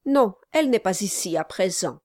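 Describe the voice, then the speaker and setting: A woman's voice: mid-range voice, lively intonation, normal speed, dark tone, dry recording, studio quality, close to an everyday voice. A woman voicing a formal, triumphant male notary who speaks firmly and emphatically, in an audiobook. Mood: stern. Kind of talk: audiobook reading.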